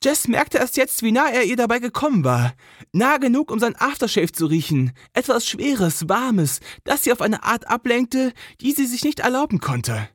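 A narrator reading a romance story aloud with emotive delivery and lingering pauses. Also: medium pitch, very animated, no echo, clean studio sound. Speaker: audiobook narrator. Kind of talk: expressive romance audiobook narration.

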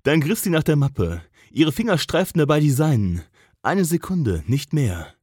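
Romance audiobook narrator: expressive, slightly husky, very dry close recording. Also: mid-range voice, dry recording. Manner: emotive, lingering pauses.

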